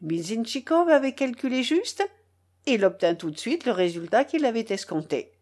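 A woman reads a classic novel aloud with an expressive, dramatic delivery. Her voice swings widely in pitch, lifting and falling with the story. It is a steady literary narration. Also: moderate pace. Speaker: audiobook reader.

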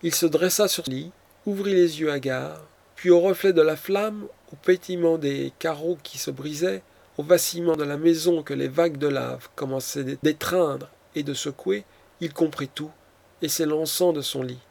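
A man narrating a classic novel as an audiobook, with a measured, dramatic reading. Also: on the high side, vocal fry, darkish tone.

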